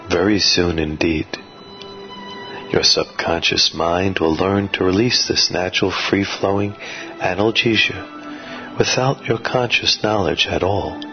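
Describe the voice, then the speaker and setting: A man narrating guided sleep hypnosis like a soothing sleep-story narrator, with measured, repetitive, suggestive phrasing. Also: sits low. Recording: dull lo-fi audio under music. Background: music.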